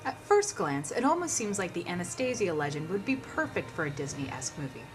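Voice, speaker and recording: A woman's voice: lowish voice, big pitch swings, brisk, over music. A woman presenting a scripted film countdown in a wry, conversational manner.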